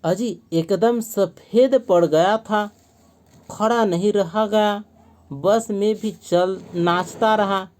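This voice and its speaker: A woman reading out the lines of a worried father of a sick young boy in a school play lesson, in a slow, patient read-aloud manner. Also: medium pitch, steady tone, a little mellow, lightly acted.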